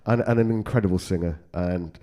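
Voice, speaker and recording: Low, mellow-voiced man. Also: brisk. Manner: swears freely, animated, laughs often. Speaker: podcast guest, guitar tech. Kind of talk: casual storytelling chat.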